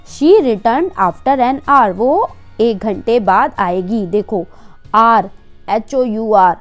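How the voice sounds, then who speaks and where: A woman with an Indian accent teaching a worksheet lesson, explaining patiently and reading each example sentence slowly. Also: on the high side. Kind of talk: worksheet lesson explaining English grammar in Hindi.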